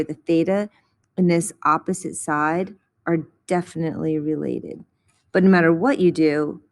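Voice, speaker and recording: A woman with a fairly low voice teaches a recorded math lesson. She talks patiently and explains each step as she goes. The voice-over is close to the mic. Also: a little mellow.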